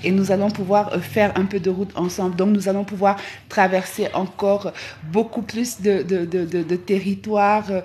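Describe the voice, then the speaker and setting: A woman speaks to her followers on a live travel vlog. She talks at a middle pitch and stops often, with a stream of fillers and repeated words. A faint hiss sits behind her. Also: steady tone, moderate pace, a little mellow. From Senegal. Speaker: travel vlogger.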